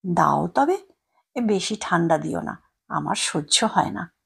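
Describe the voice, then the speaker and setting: A woman voicing a gentle elderly woman, a retired schoolteacher, who speaks softly, slowly and humbly. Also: lowish voice, animated, creaky, breathy edge, voice pushed down, heavily acted.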